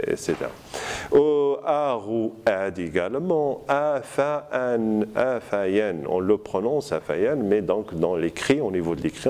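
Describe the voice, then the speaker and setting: A man giving a university lecture, slow and deliberate, with many hesitations. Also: on the low side, a little mellow.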